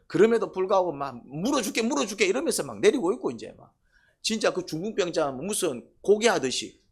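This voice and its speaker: A male pastor preaching a sermon, with lively delivery, many rhetorical questions and quotes he acts out. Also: on the high side.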